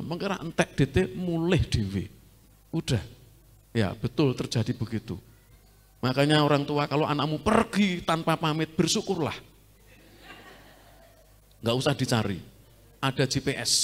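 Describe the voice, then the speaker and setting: A middle-aged man with a Javanese accent preaching a sermon, teasing the congregation and asking them questions. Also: on the high side. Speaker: pastor.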